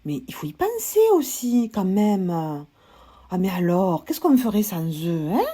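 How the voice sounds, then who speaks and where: A woman's voice: mid-range voice, big pitch swings, a little slow, dark tone, slightly rough. A woman from Toulouse with a Toulouse accent, talking alone in a humorous, ironic monologue with whispered asides. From Toulouse, France. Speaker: vlogger.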